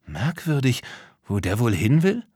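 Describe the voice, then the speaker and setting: A man's voice: mid-range voice, a little slow, slightly rough, dry recording, studio quality. A man voicing a cheerful, joking young boy in a children's audio story. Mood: playful. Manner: lively, playful.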